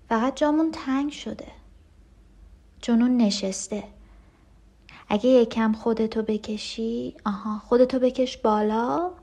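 A woman's voice: a little high, a little mellow. An actress playing a frightened unborn twin girl who clings to her sister and pleads with her. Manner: urgent, breathless pleading with sudden cries. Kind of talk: radio drama acting.

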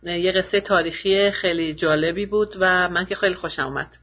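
A radio podcast co-host chatting casually with many fillers. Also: medium pitch. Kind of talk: casual chat. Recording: muffled lo-fi recording.

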